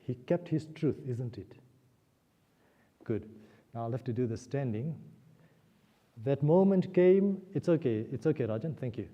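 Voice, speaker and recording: Dark-voiced man giving an earnest spiritual talk. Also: medium pitch, animated, unhurried, pauses often. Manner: earnest, has listeners repeat key words aloud. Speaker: guest speaker at a temple. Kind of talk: spiritual discourse with storytelling. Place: temple hall. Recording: dull lo-fi audio in a reverberant hall.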